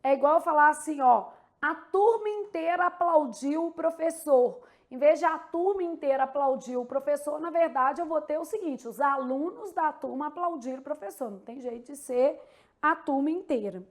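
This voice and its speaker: A woman's voice: high voice, normal speed. A woman with a Brazilian Portuguese accent teaching an exam-prep Portuguese lesson, explaining step by step and checking in with "tá?" and "né?".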